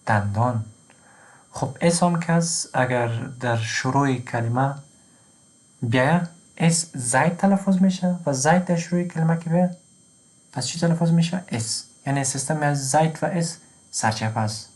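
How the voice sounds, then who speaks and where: A man's voice: a little high, darkish tone. Afghan Dari-accented man teaching German letters. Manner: repeats each word twice, then translates. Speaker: language teacher. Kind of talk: slow spoken language lesson.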